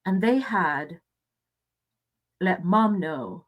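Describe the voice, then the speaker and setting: A middle-aged woman from Japan giving a conference presentation in a reflective, measured way, with hesitant fillers. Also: on the low side, animated, highs cut off.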